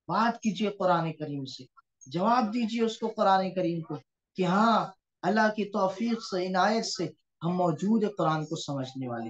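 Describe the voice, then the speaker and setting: Man teaching an online grammar class. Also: high-pitched. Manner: explains patiently, often checks in with the students. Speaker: Quranic Arabic teacher. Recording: dull lo-fi online class audio.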